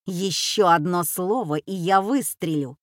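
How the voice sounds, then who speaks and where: A woman's voice: fairly low pitch, a little slow, no room sound, studio quality, close to an everyday voice. A woman voicing a harsh, bossy old woman who leads a gang and barks orders. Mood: yelling. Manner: barking orders, shouting. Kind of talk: audiobook character voice.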